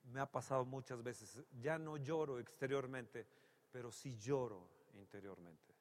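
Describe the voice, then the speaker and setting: A man preaching a sermon, dramatic and humorous, swinging from hushed passages to loud exclamations. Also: mid-range voice, a little slow. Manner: humorous storytelling. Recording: long reverb from a large hall.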